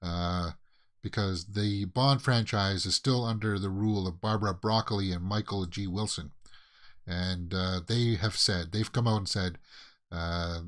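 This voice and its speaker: A man's voice: low-pitched, unhurried, a bit bright. A Canadian man hosting a casual movie news show, rambling through headlines with plenty of fillers and restarts. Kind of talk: casual solo commentary.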